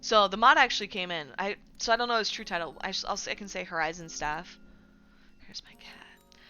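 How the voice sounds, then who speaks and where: Speaking fast at medium pitch, a woman streamer sounds bright and forceful, with soft music in the background. She chats casually to her viewers in livestream commentary loaded with fillers, checking in often with "right?"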